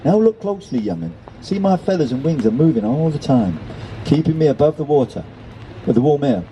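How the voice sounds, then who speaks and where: Guy doing a cheeky old seagull coaching a young bird, pitched up, deep dark tone underneath. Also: sing-song, a little fast, highs cut off, a little hiss or hum. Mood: teasing. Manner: warm, teasing, calls the pigeon young'un. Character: friendly old male seagull, teasing mentor.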